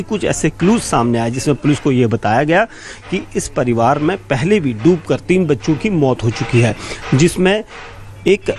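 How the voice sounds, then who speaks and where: A man's voice: on the high side, darkish tone. A man giving an unscripted breaking news report, explaining step by step and often repeating himself.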